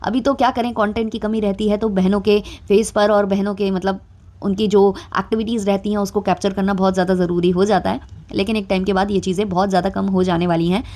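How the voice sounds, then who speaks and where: A woman's voice: medium pitch, level tone, quick pace, a little mellow. Chatty woman giving gossip commentary. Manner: chatty, frequent filler sounds, mildly sarcastic. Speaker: commentary vlogger.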